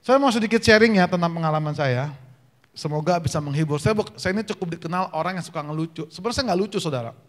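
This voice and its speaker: A man from North Sumatra, a gospel singer and preacher, giving a humorous testimony sermon at a church prayer meeting, joking and acting out dialogue in quick changes of voice, his voice a little worn. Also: fairly high pitch. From North Sumatra, Indonesia. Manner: jokey storyteller, acts out dialogue with quick voice changes. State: slightly worn voice.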